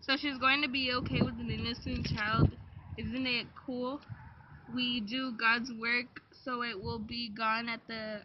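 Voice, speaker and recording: Woman playing self-important servant girl puppet, highish voice. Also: level tone, unhurried, close to an everyday voice. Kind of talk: amateur puppet-play acting. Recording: dull, noisy lo-fi home recording.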